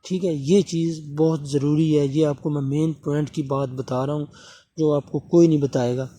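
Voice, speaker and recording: A man from Pakistan walks viewers through a motor repair at his workbench, chatting as his hands work and checking in with them again and again. His voice sits a little high with a mellow, soft-edged tone. A faint hiss runs under the recording. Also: fairly even intonation. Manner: talks while working, often asking viewers to subscribe; repeats fillers and checks in with the viewer. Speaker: electronics repair technician.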